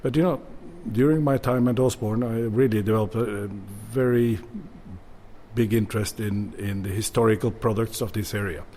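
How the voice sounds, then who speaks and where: A man's voice: on the low side, fairly even intonation, normal speed, mellow, a little hiss or hum. A man in his sixties from Norway, a bodega owner answering interview questions with many fillers and restarts.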